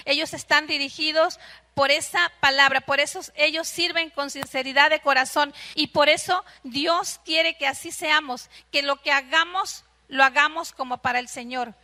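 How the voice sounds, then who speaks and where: A woman with a Mexican accent preaches to a congregation, her voice high and bright. She keeps asking her listeners short questions as she goes. Her words ring out with a long reverb from the church hall. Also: steady tone, normal speed. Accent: Mexican Spanish. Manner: asks the congregation "¿sí?" often. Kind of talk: sermon.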